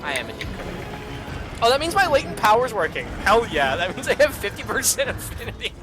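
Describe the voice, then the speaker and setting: Excitable high-voiced man gaming with friends. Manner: excitable, quick to laugh and exclaim. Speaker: streamer playing co-op with friends. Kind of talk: casual gaming chat. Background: game music.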